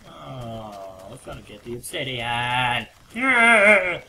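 This let's play commentator is a chatty man who rambles through his game at an ordinary pitch and moderate pace, now and then letting out sudden excited yelps. His home recording is noisy, with keyboard typing and clicks rattling in the background.

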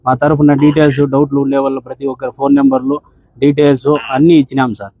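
In a flat, mellow, mid-range voice that races along, a bereaved father with a Rayalaseema Telugu accent gives a deferential account on the phone. He keeps calling the listener "sir" at the ends of sentences, and there's no echo.

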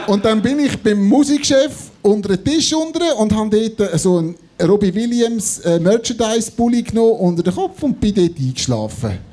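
A man in his thirties with a high voice and a Swiss German accent tells a comic anecdote live on stage. He is an animated storyteller who acts out both sides of conversations, speaking close into the microphone. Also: normal speed, hardly any pauses. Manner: animated storytelling, acting out dialogue. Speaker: comedy show panellist. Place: on stage in a theatre before an audience. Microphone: handheld or stand microphone held close.

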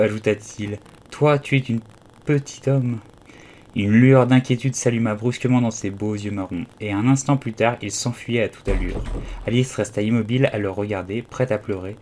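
A man reading an audiobook aloud in a calm storytelling manner. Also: on the low side, slight background noise. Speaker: audiobook reader. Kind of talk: audiobook narration.

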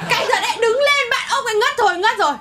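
Very high-pitched excitable young woman. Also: very fast, loud music behind the voice, over a noisy crowd. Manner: squealing, excitable, whiny. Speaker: co-player. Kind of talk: playful gameplay chat.

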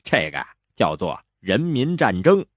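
A man reading an audiobook, voicing a glib, cocky young man in easygoing, lively banter. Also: fairly low pitch, measured pace, no room sound, clean studio sound. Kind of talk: audiobook character voice.

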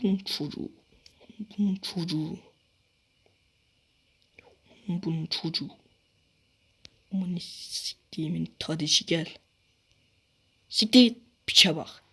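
A man playing a football video game, swearing constantly and repeating the same phrases in frustration, switching between low muttering and sudden shouts. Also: unhurried, pauses often, breathy edge. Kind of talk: casual gameplay commentary.

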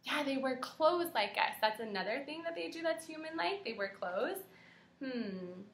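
Her voice sits high and is expressive, moving at a normal speed. A young woman who teaches kindergarten reads to the children and asks them questions, encouraging and carefully articulate, in a small home room whose echo fills the video.

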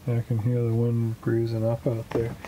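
A man talking casually in a slow, halting way with many fillers, recorded in a small boat cabin at anchor. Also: mid-range voice, completely flat delivery, noisy background. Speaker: small boat sailor vlogging. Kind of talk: casual spoken log.

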